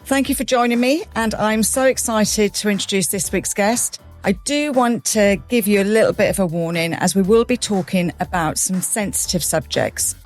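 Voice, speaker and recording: A woman hosts a conversational podcast with a bright, effusive warmth in her delivery. Her voice sits in a middling register, and soft music plays faintly in the background. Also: medium pitch. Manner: enthusiastic, effusive. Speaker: podcast host. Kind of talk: conversational interview.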